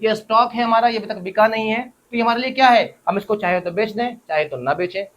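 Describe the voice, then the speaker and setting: High-pitched male accounting teacher. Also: fast talker, a bit bright. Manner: asks the class questions and repeats key terms; addresses students as children, playful examples. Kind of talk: classroom-style accounting lesson.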